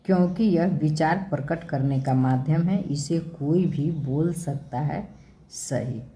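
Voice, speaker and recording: Slow, low-voiced woman teaching children. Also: dark tone. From India. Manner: slow, spells words sound by sound. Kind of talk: worksheet lesson for young children.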